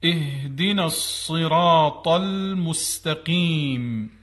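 Man with a bright, crisp, highish voice reading out quran words one by one, measured and a bit sung. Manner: measured, chanted recitation of single words and phrases. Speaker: Quran reciter. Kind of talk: reciting example words for a lesson.

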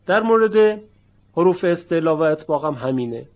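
A man with a slightly raised pitch teaches a Quran recitation lesson. He explains each rule step by step, then stretches out the example words slowly and with emphasis so the sounds come through clearly. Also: lively intonation, darkish tone. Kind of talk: tajweed lesson.

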